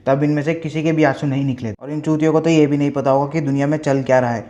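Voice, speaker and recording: A man's voice: a little high, flat delivery, quick pace, dark tone, muffled recording. A man from Dehradun giving crude, mocking roast commentary full of swearing. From Dehradun, India.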